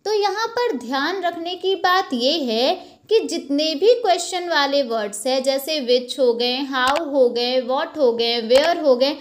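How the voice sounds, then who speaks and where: Young woman teacher, really high lively voice, walks through grammar slides, keeps checking in. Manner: slow, explanatory, repeats points with "ok" and "theek hai". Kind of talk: slide-based lesson, Hindi with English terms.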